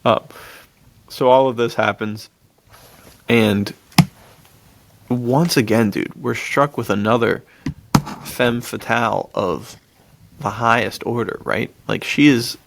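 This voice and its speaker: A man with a mid-range voice and vocal fry speaks slowly and steadily, pausing often. As a podcast co-host he talks through films in a casual, slangy, laid-back way, laughing easily and chattily retelling plots.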